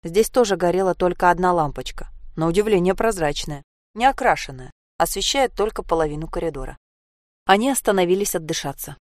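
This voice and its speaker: Woman narrator, lower voice, dry close read of a story. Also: expressive, a little fast, no echo. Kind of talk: audiobook story reading.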